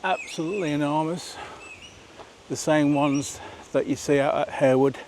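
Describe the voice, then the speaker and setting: A man's voice: a little high, fairly even intonation, moderate pace, darkish tone, a little hiss or hum. A man narrating a walking vlog outdoors on a rural nature trail, chatty and rambling, asking viewers questions as he goes. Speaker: vlogger.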